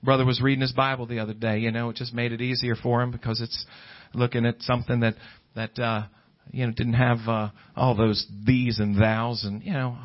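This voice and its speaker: A man with a mid-range voice and level tone preaches a little fast in a conversational, off-the-cuff sermon. He is emphatic, asks rhetorical questions, and quotes scripture and imagined objectors. The recording is dull and lo-fi.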